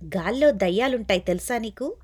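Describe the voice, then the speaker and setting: An eager young girl, played by a woman reader in a storybook reading. She gives bossy, excited instructions as she leads a spirit game. Her voice sits a little higher than the reader's own. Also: brisk.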